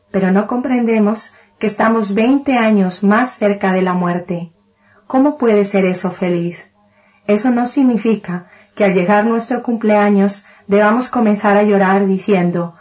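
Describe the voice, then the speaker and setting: Una mujer que da una charla calmada sobre meditación budista, con ritmo medido y que alarga las palabras que repite. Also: female voice, mid-range voice. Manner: measured, slows on repeated key words. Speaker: teacher of Buddhist meditation. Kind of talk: calm spoken dharma talk. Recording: dull, muffled lo-fi recording.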